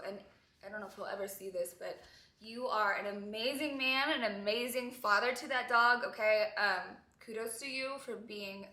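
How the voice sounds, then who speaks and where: Tearful, animated woman vlogger. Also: mid-range voice, reverberant. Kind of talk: emotional storytime vlog.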